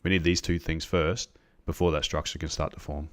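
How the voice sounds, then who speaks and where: A man on a live trading stream, explaining chart setups to viewers in a halting way, with many restarts and ums. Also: extremely low pitch, level tone, a bit bright.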